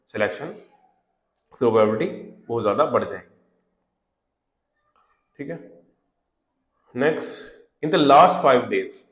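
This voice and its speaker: Man teaching in an echoey room. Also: mid-range voice. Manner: conversational, repeats fillers like "theek hai" and "hai na"; reads English notes aloud slowly, word by word. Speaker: exam prep teacher. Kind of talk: casual exam tips lesson.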